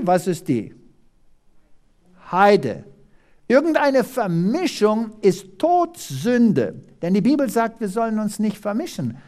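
A preacher from South Africa delivers a dramatic sermon with scripture readings. The voice swoops widely in pitch, pausing for rhetorical questions and pressing each point home. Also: darkish tone. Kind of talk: animated sermon with Bible reading.

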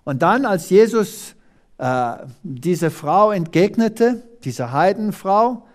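A preacher from South Africa delivers a dramatic sermon with scripture readings. The voice swoops widely in pitch, pausing for rhetorical questions and pressing each point home. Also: expressive. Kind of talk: animated sermon with Bible reading.

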